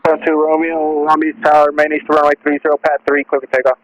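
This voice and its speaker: A man working as an air traffic controller, heard over aviation radio in clipped, monotone calls. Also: a little high, fast talker, dull audio. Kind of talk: rapid radio phraseology.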